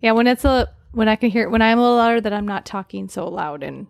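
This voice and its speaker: Podcast co-host, woman, higher voice with a gravelly fry, laughing and teasing. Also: expressive, quick pace, no room sound, studio quality. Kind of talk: casual chat.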